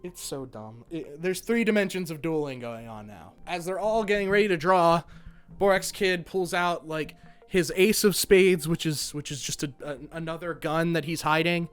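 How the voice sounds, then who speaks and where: A man's voice: fairly high pitch, moderate pace, clear, resonant tone, faint music behind. A young man giving a casual spoken cartoon review, ranting and swearing in exasperation. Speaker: animation reviewer.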